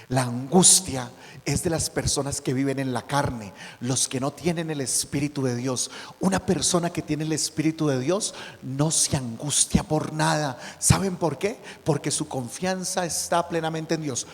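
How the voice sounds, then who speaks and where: A priest giving an emotional, dramatic sermon, telling stories and rising to loud emphasis. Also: male voice, on the high side, unhurried, in a large hall.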